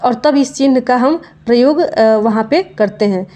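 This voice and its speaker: A young woman teaching a grammar lesson, her voice sitting a little higher than most. She explains step by step and often stops to check that her students follow. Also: unhurried, warm tone.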